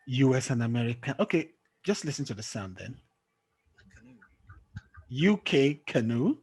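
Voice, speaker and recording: Lively husky-voiced male English teacher. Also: mid-range voice, measured pace. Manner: checks understanding often with "okay?". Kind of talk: online tutoring lesson.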